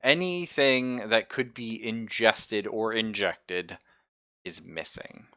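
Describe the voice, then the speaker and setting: Slow-paced, with a lowish but bright and forceful voice, a game master improvises his tabletop roleplaying narration in a playful, conversational way, casually swearing. The close-miked recording has no echo.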